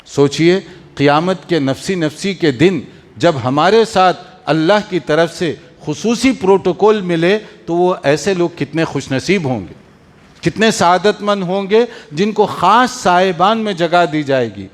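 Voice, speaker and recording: A man giving an earnest mosque sermon, urging his listeners and chanting Arabic quotations. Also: high-pitched. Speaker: preacher. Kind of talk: mosque lecture after night prayer. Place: mosque hall. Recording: long hall reverb.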